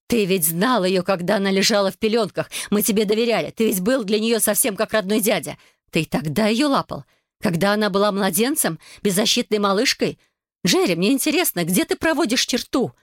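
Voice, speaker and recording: A reader voicing an enraged mother who hurls shrill accusations, read as an audiobook character. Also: brisk, few pauses, dry recording, studio quality, close to an everyday voice. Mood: accusing. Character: enraged mother confronting a predator.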